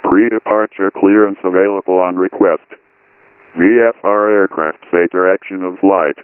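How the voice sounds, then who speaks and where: A deep, smooth synthetic male voice reads out an automated airport weather broadcast. Each item comes out even and clipped, the way text-to-speech does. The sound is dry and close. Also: normal speed, no room sound, phone-quality sound. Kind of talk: looping automated weather and runway readout.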